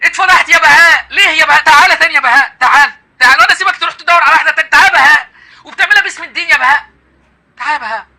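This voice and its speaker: Fast, mocking Egyptian man hosting. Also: extremely high pitch, pushed and bright. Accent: Egyptian Arabic. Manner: mocking, taunting, laughing at the caller. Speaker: live-stream host. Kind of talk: confrontational live call-in debate.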